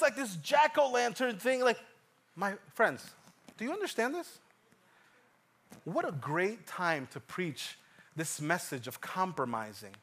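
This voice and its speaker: Male pastor in his thirties, high-pitched, lively emphatic sermon delivery with repetition. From Ecuador. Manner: animated preaching, swings from hushed to loud, repeats lines for emphasis.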